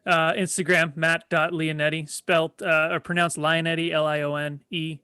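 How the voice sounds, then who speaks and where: A man's voice: a little high, little pitch movement, normal speed, sharp tone, clean tone, no echo, clean studio sound. A man in his twenties, a podcast guest, talking bluntly and swearing freely in casual chat. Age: 20s. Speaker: guest, real estate agent.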